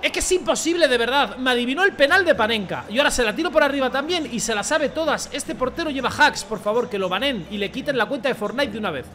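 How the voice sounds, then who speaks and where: A young man commentating his own football game. He rants, pleads and shouts at the play, swinging from low mutters to loud yells. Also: lively intonation, fast talker, few pauses, slight background noise. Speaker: gaming streamer. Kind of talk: excited gameplay commentary.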